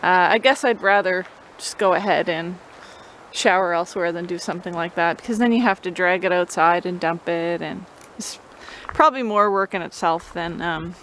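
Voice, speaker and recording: A woman's voice: on the low side, moderate pace, fairly bright tone. A woman vlogger giving a laid-back, informal how-to explanation, chatting casually to the camera. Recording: clear background noise and ambience.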